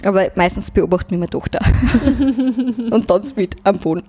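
Woman musician, soft mellow tone, hesitant delivery. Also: medium pitch, husky. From Upper Austria. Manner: halting, many restarts. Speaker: musician guest. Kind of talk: casual interview chat.

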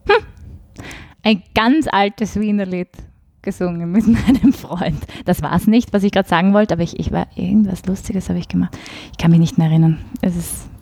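A woman with a Viennese accent, a cabaret artist talking as a guest in a casual interview, lively, laughing often and searching for her words. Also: fairly low pitch, moderate pace, gravelly, no echo. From Austria.

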